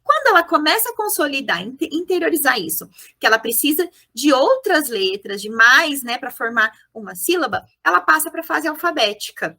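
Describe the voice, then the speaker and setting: A woman's voice: high voice, big pitch swings, normal speed, few pauses, pushed and bright. A woman explaining a teaching topic in a video lesson, checking in often with her listeners. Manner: didactic, checks in with "tá?" and "né?". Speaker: teacher educator.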